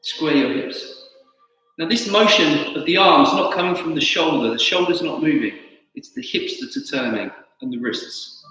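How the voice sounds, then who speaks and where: A man teaching tai chi, giving calm, unhurried step-by-step instructions in short phrases. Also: on the high side. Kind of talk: instructional movement cues. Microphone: camera at a distance. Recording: very echoey hall, distant mic, faint music.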